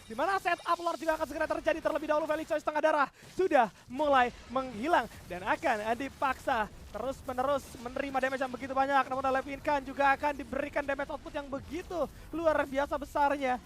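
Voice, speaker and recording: A woman doing esports play-by-play commentary as an excitable fighting game announcer. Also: high-pitched, fast talker, a little hiss or hum.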